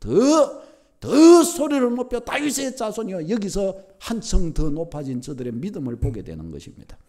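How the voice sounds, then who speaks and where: Pastor guy preaching, repeats stuff, gets loud, pitch jumps all over. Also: sing-song, moderate pace. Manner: emphatic, repeats key phrases, rising to near-shouts. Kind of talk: sermon.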